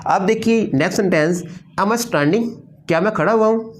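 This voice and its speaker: A man's voice: high-pitched, normal speed. A man teaching an English grammar lesson, explaining patiently and repeating key points.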